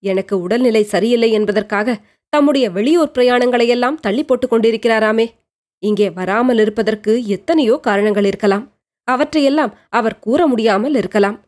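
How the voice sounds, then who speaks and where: A woman's voice: on the high side, normal speed, a little mellow, close to an everyday voice. A woman voicing a bedridden young woman, lovesick and brooding, questioning herself in an anxious inner monologue.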